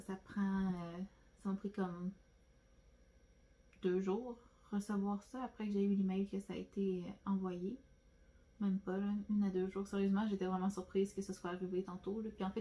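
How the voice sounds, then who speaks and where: A woman's voice: medium pitch, warm tone, rough recording. A woman from Quebec with a Québécois French accent, chatting casually through a nail product haul at home, rambling with lots of fillers and restarts. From Quebec, Canada. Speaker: nail beauty vlogger.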